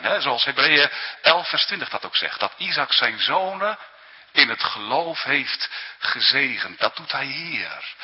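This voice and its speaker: A man's voice: medium pitch, slightly rough. A man preaching a sermon in an earnest, emphatic way, often tagging his points with questions, on a dull, lo-fi recording with a long hall echo.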